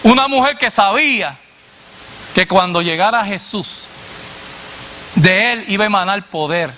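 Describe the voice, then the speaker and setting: A man preacher delivering a sermon to a congregation, asking "what?" and answering himself in a lower voice, addressing listeners as brother. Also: measured pace, pushed and bright, slight background noise. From Latin America. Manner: call-and-response questions, dropping low on the answer.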